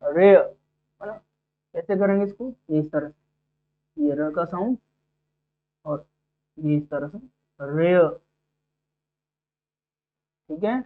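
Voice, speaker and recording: A male teacher with a higher voice and lively intonation gives a phonetics lesson to exam students at a measured pace, with long pauses. He explains step by step, often checking in with "okay?" tags like 'ठीक है' and 'है ना'. The sound is tinny, like a phone.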